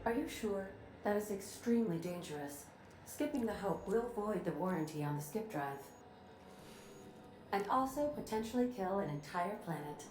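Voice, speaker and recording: A woman plays a courteous female ship's computer AI with a crisp, exact delivery. Her lines come out dry and processed like a machine's. The sound is roomy, with steady noise underneath. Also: medium pitch, moderate pace, close to an everyday voice. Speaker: ship's artificial intelligence. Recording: roomy game audio with background noise.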